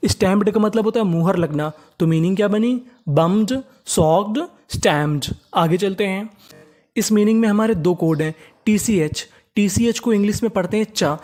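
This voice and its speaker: A teacher giving a spoken lesson on reading English words. The teacher spells each word out, asks a question and answers it, and slowly repeats each new word several times. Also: medium pitch, darkish tone. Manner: asks questions of the viewer and answers them, drill style.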